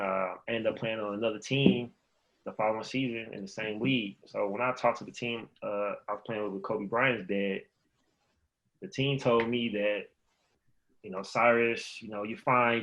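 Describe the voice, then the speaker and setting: A man's voice: on the low side, fairly bright tone, lo-fi sound. A man in his thirties from the Chicago area, a podcast guest telling a rambling story and acting out remembered conversations. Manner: rambling, acts out remembered dialogue. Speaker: podcast guest, former pro basketball player. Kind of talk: casual storytelling interview.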